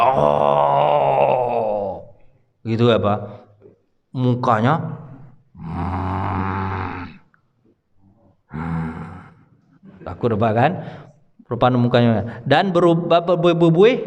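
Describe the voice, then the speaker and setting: A man's voice: medium pitch, highs cut off. A male preacher giving a conversational sermon, often asking his listeners questions. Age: younger than his audience. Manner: conversational, asks the audience questions. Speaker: Islamic preacher. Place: hall with audience. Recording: long reverb of a hall.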